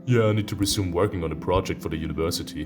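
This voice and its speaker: This let's-play host has a low voice and races through the visual novel he's reading aloud. Guitar music plays behind him while he interrupts himself with teasing, expressive reactions.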